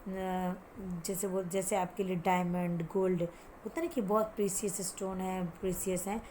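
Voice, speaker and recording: With a mellow, lowish voice and a flat delivery, a woman teaches children Hindi words, asking and answering her own questions and mixing in English. She draws out hard words carefully so the pupils can repeat them, with slight background noise present.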